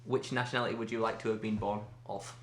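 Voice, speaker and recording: A man's voice: fairly low pitch, level tone, quick pace, a bit bright, reverberant. A man from England co-hosting a podcast, chatting casually and laughing often. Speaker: podcast co-host. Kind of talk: casual chat.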